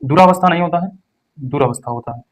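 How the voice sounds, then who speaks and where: A young man with a fairly high-pitched voice gives a Hindi lesson for exam preparation. He stresses each word, then says it again slowly.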